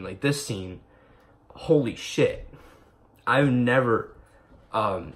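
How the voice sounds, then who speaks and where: Speaking to camera, a young man with a fairly low voice reviews a movie in a loose, rambling way. He's excited, swears often, and leans on lots of fillers.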